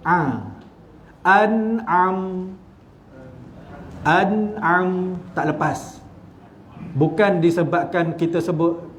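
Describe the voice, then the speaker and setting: Man, Malaysian Malay accent, religious teacher, slow, slightly high voice, drawn-out letter sounds, faint background ambience. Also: a little mellow, a little hiss or hum. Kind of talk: evening mosque lecture on Quran recitation. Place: small prayer hall.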